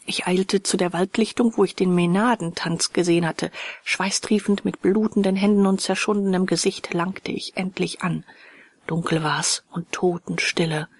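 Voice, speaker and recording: A woman narrating a dramatic story aloud, often dropping to a hushed whisper. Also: on the low side, steady tone, normal speed, husky, no echo. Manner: dramatic, shifts between hushed whisper and raised calls. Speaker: audiobook reader.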